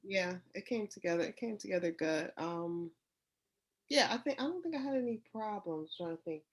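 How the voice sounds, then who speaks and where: A woman's voice: mid-range voice, lively intonation, normal speed. A woman with a congested, stuffy-sounding voice, chatting casually in a lax, hesitant, trailing way. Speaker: sewing group member showing her projects. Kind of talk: casual chat.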